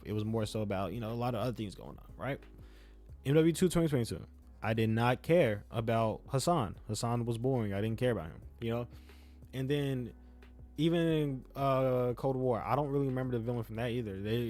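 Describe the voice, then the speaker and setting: This young adult YouTube gaming creator speaks quickly in a mellow, mid-range voice and describes himself as having a speech impediment. His game review talk is casual and opinionated, rambling and slangy, with phrases repeated for emphasis.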